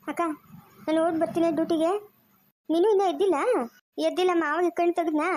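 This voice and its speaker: A woman acting in a homemade family drama with a Chikkaballapur Kannada accent, scolding in fast village talk. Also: very high-pitched, flat delivery, darkish tone.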